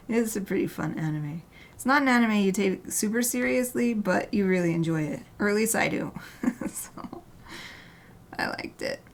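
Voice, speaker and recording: While painting during a livestream, a woman artist chats casually in a medium-pitched voice. She rambles, often drops to a soft murmur, and laughs lightly.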